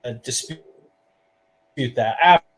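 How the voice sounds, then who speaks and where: Give me a man talking sports over a glitchy call, the audio breaking up and stuttering as he restarts his words. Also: mid-range voice. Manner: halting, restarts words mid-phrase. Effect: call audio breaking up and cutting out. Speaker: panelist on a sports call-in show. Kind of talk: casual sports debate over an online call. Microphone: remote call audio.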